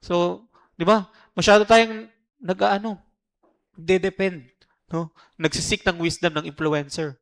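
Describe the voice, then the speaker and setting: Man, pastor, church sermon, slightly high voice, chatty, frequent "di ba?" checks. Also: steady tone, unhurried, vocal fry, long pauses. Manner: conversational, keeps asking "di ba?"; mimics social media influencers. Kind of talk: Taglish sermon. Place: church service.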